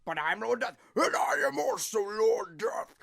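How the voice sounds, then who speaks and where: A man's voice: sits high, animated, unhurried, gravelly, a bit bright, voice pushed up, exaggerated voice. A man voicing Lord Death, a cheerful, goofy, nonchalant cartoon father with a chirpy, folksy, breezily blunt manner. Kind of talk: comedic cartoon character voice.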